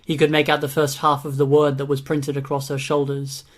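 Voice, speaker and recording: Audiobook narrator, male, mid-range voice, flat steady delivery. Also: fairly high pitch, a little fast. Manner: even, steady reading. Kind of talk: scripted narration.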